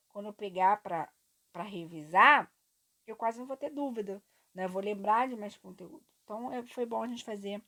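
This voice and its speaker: A woman teacher from Brazil, lively and encouraging as she talks students through a grammar exercise. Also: mid-range voice. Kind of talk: classroom lesson explaining exercises.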